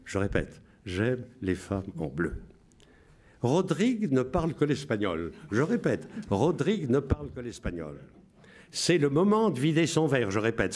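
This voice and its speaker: A man's voice: mid-range voice, a little mellow. An older man playing a solemn wartime radio announcer. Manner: measured, emphatic repetition of each phrase. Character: solemn male wartime radio announcer reading coded messages.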